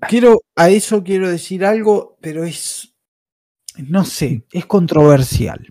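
A man's voice: high voice, lively intonation, takes it slowly, dark tone, no room sound, clean studio sound. An Argentine man with an accent from Argentina, hosting a casual podcast chat, passionate and opinionated, wandering through his points. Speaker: podcast host.

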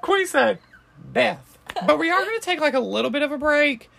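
Young woman co-host, loose and profane, with a lively, fry-tinged voice. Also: sits high, quick pace, slight background noise. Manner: rambling, swearing, giggly. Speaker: podcast co-host. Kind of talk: casual chat.

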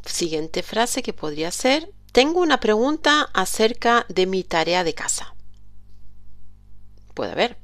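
A woman hosting a podcast language lesson, saying model phrases slowly and carefully and explaining them. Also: mid-range voice, big pitch swings, fairly bright tone, no room sound. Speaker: language teacher, podcast host.

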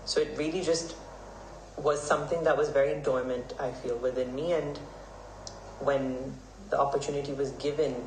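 Young male podcast guest in his 20s, earnest and measured, recorded off-mic in a roomy space. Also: medium pitch, fairly even intonation, darkish tone. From Hong Kong. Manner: earnest, measured storytelling with fillers. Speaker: guest, Vedic pandit. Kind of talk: podcast interview answers. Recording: roomy, somewhat distant mic, faint noise.

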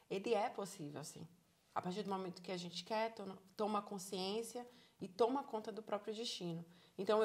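A woman in her thirties with a Bahian Brazilian accent, telling her story in a casual interview in a lively, encouraging way. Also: mid-range voice. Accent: Bahian Brazilian Portuguese. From Salvador, Bahia, Brazil. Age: 30s. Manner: animated storyteller, acts out quoted dialogue, encouraging. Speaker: interviewee, psychologist living abroad.

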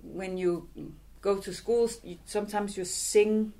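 Language instructor, woman, middle-aged; unhurried, halting delivery with frequent restarts, sitting in an office. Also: medium pitch, steady tone, dark tone. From Greenland and Denmark. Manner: slow, halting, thoughtful with many restarts. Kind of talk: casual interview conversation. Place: office in a theatre building.

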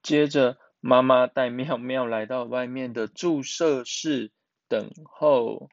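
A man narrating a children's picture book in a slow, expressive way. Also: medium pitch, gravelly, no room sound, muffled recording. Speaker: storyteller.

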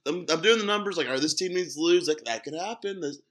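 Guy on a sports podcast, bright forceful voice, gets worked up fast. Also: fairly high pitch. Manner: animated, gets fired up and rants. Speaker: podcast co-host. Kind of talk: casual sports chat.

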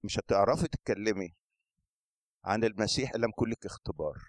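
A man with an Egyptian Arabic accent preaching a sermon, lively, often questioning the congregation and acting out scripture voices. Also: fairly low pitch, fast talker, no room sound, studio quality.

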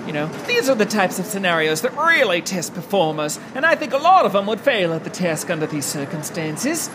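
With background noise behind them, a stage performer talks in a theatrical, grandiose, self-dramatizing way in a mid-range voice that is very animated and brisk. It's comedic mockumentary talk, starting in a car parked in a lot and moving to a small restaurant.

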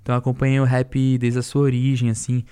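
A man's voice: medium pitch, monotone, dark tone, clear, resonant tone. A young man, rapping his verse and then chatting casually on a podcast. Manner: fast rhythmic rap delivery with slang. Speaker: rapper guest.

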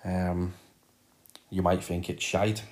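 A Liverpool man hosts his own podcast solo, rambling casually with frequent ums and repeated words. His voice is deep and slow, with little pitch movement and a darkish tone.

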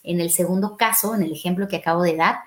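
Lower-voiced woman giving parenting advice. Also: fast, a bit bright. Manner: explanatory, acts out parent and child questions in a raised voice. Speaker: family therapist. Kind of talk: podcast advice talk.

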